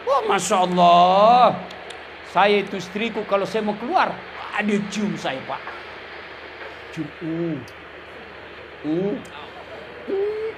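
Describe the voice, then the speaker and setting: Brief: middle-aged preacher, high and lively voice, comic teasing sermon, sudden shouted punchlines, faint ambience behind. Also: male voice, takes it slowly, long pauses, noisy background. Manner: teasing, swings from low asides to shouts. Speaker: Islamic preacher. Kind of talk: comedic sermon.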